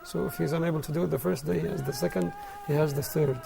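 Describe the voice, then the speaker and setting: A man's voice: on the high side, fairly even intonation, fast talker, creaky. A man answering viewers' questions as a scholar in a live studio discussion, explaining in a conversational way.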